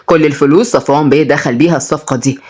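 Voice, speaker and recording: A woman voicing a calm, cold middle-aged male lawyer who explains things in a cool, lowered voice. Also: very fast, husky.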